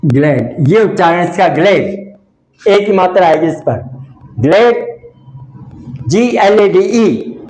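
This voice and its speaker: A man's voice: high-pitched, expressive, darkish tone, reverberant, low-quality recording. A man teaching an English vocabulary lesson with an Indian accent. He explains words and meanings in Hindi, repeats each word carefully and keeps checking that students understand. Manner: explains slowly, repeats words, asks "samjhe?".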